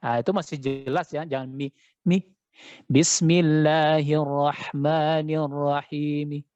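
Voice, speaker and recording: A man teaching Quran recitation in an online class, chanting verses slowly and then explaining them quickly, heard over dull call audio. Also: mid-range voice, a little mellow, dry recording. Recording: dull, lo-fi dry sound.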